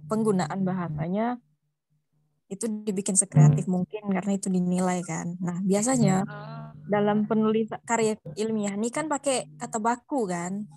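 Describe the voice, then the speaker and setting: A woman's voice: medium pitch, warm tone. A young woman from Indonesia asking a mentor questions in an online class, hesitant and polite. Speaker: student participant. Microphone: video call.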